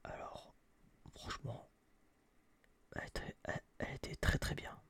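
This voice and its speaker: At a normal speed and with a slightly bright quality, an ASMR creator whispers a relaxed, meandering movie review near a binaural microphone, using slang, hesitant phrasing, and lots of repeated words.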